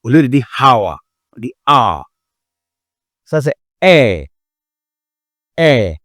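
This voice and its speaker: A man from Ghana teaching a language class, repeating each word slowly and carefully to drill pronunciation. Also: mid-range voice, very animated, a bit bright, no echo, clean studio sound. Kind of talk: pronunciation lesson.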